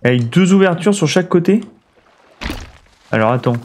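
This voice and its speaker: Guy streaming a cozy game, talks to chat nonstop, kinda high voice. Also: expressive, moderate pace, darkish tone, slight background noise. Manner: chatty, thinks aloud, reads chat. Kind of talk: casual let's play commentary.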